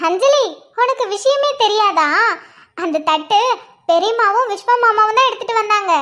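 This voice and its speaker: A woman voicing a mischievous younger sister in an animated cartoon, teasing and gleeful. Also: very high-pitched, normal speed.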